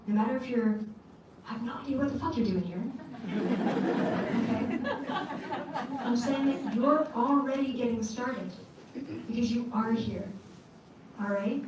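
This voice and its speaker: A woman from Canada tells a candid story to a live audience, her voice sitting a little high. She is picked up from a distance in a big, very echoey hall. A faint room hum sits underneath. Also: darkish tone. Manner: candid, storytelling, casual swearing. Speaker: speaker on stage. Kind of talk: stage talk to an audience. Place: large event hall. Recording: echoey hall recorded from far off.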